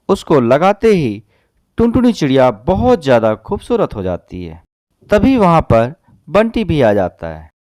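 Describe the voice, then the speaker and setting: Expressive male storybook narrator. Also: fairly high pitch, no room sound, clean studio sound.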